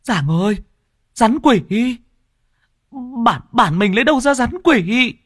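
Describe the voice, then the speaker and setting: A man's voice: lively intonation, normal speed, no room sound, studio quality. A man doing a wailing, grief-stricken village wife. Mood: frightened. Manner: high-pitched, tearful wailing.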